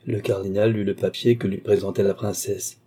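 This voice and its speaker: Dark, husky male narrator. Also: lowish voice, steady tone, brisk. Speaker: audiobook narrator. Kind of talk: scripted narration.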